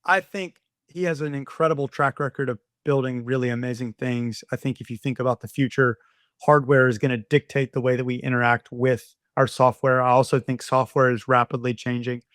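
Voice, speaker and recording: A man of ordinary pitch talks as a podcast guest with eager energy, stumbling over repeated words as his thoughts race ahead. His voice sits dry and close, with no room sound around it. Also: steady tone, brisk, fairly bright tone, no echo. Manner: enthusiastic, repeats words as he restarts. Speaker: guest, design studio founder. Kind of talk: conversational podcast interview.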